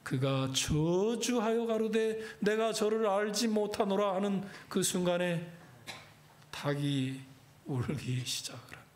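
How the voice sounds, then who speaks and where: A man's voice: high voice, animated, a little slow, slight background noise. A middle-aged male pastor preaching a sermon, telling the story dramatically and acting out the lines of each figure.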